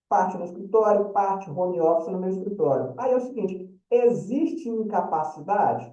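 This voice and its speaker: Speaking in a high-pitched but dark-toned voice, a Brazilian man who practices law lectures informally on a short course, keeping the talk conversational and repeatedly checking in with listeners. He was recorded from afar, and the result is dull and roomy.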